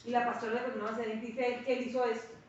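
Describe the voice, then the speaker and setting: A woman's voice: fairly high pitch, very fast, a little hiss or hum. A woman pastor teaching a Bible class, telling stories and acting out what people said. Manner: lively storyteller who acts out quoted speech. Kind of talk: sermon-like Bible teaching with anecdotes. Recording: very echoey room, distant mic, dull sound.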